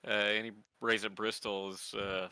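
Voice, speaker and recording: A worn-out man interviewed after a race as the driver, laid-back and halting. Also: fairly low pitch, flat delivery, sharp tone, smooth, no room sound.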